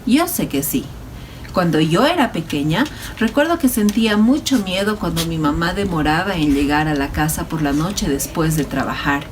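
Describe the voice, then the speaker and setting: A woman leads a children's Bible lesson with lively, swooping intonation. There is faint noise under her voice. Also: deep voice, normal speed. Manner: warm, animated, addresses children. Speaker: Sunday school teacher.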